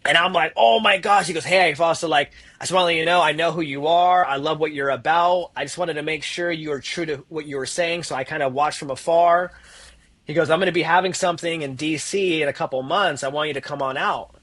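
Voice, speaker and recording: Animated storytelling man. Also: fairly high pitch, a little fast. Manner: acts out voices in his stories, fillers like "like". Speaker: guest, therapist.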